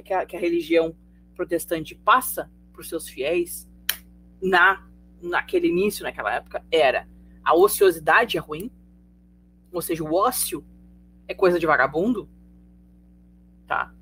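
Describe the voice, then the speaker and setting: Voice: medium pitch, a little slow, pauses often, fairly bright tone, a little hiss or hum. Brazilian teacher tossing questions at students. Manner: conversational, asks students rhetorical questions, tags sentences with "tá?". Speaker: sociology teacher. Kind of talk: live online class lecture.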